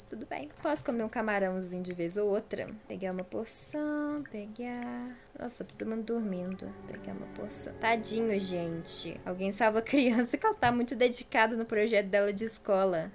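A woman giving casual gameplay commentary, chatty and exclamatory, talking straight to her viewers. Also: medium pitch. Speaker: gameplay YouTuber.

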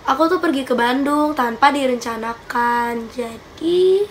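A young woman vlogger chats casually through a Q&A in her small bedroom, giggly and gesturing animatedly with her hands. Her high voice runs a little slow and sounds slightly stuffy from a cold, with a bit of background noise.

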